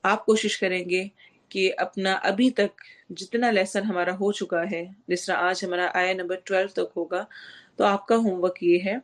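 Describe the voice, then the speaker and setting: A woman teaching tajweed. She recites verses slowly and drawn out, then explains pronunciation rules step by step. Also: mid-range voice, fairly even intonation. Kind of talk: online tajweed lesson.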